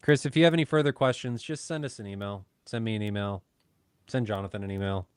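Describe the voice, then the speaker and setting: A man with a lowish voice talks fast as co-host of a casual podcast, chatty and joking while poking fun at himself. The tone is clean, with studio quality and no echo.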